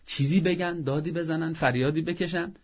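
A man's voice: a little high, steady tone, lo-fi sound. A man speaking as a parenting expert, giving earnest advice and acting out parents' scolding. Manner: didactic, earnest, acts out parents' scolding in a raised voice. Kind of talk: advice talk on a show.

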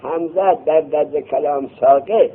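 A man teaching a grammar class, quizzing his students with quick questions, answering them himself and scolding them to put things away and listen. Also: on the high side, slightly rough. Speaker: seminary teacher. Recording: tinny phone-like lo-fi recording.

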